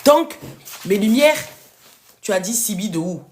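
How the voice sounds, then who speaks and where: A woman life coach with a big, commanding voice, talking live to her followers and urging them on loudly and emphatically. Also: medium pitch, animated, measured pace, a little hiss or hum. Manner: loud, emphatic, scolding and exhorting viewers. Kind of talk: live stream talk to followers.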